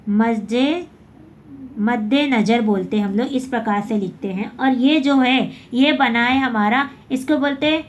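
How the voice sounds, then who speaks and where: A woman's voice: on the high side, a little hiss or hum. A woman teaching a basic Hindi lesson, explaining step by step and often correcting herself.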